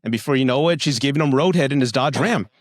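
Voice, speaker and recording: A man's voice: medium pitch, fast, dry recording. A man with an ordinary mid-range voice gives frank advice on a podcast. He is casual and teasing and swears freely. The sound is dry and close to the mic. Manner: advice-giving, profane, teasing. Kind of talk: casual chat.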